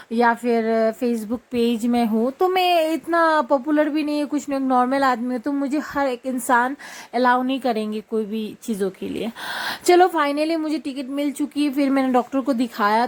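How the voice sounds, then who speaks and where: A woman narrating her vlog in a casual, rambling voice-over full of fillers and restarts. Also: fairly high pitch. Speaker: vlogger. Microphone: voice-over recorded after filming.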